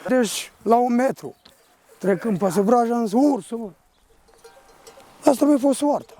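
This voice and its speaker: High-pitched mellow guy, shepherd telling his story, rough and rambling. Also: animated.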